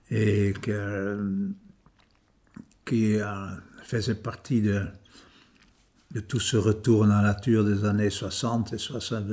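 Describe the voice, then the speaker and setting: A man's voice: lowish voice, darkish tone. An older man with a Dutch accent, a native Dutch speaker recalling his life in an interview, hesitating and restarting his words often. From Netherlands. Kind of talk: reminiscing interview.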